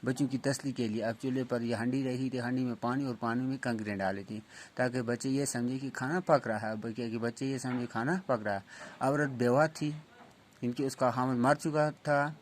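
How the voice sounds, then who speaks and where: Guy teaching little kids reading, says every line twice in easier words, normal middle voice. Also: mid-range voice. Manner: repeats and paraphrases each sentence simply. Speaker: school teacher. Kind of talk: children's class lesson.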